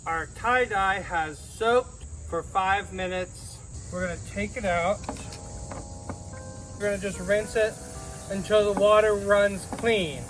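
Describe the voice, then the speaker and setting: A woman hosting a parody cooking and craft show, explaining each step with gushing, playful over-excitement. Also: mid-range voice, takes it slowly, long pauses, slight background noise, poor audio. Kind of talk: mock-earnest cooking and craft demo.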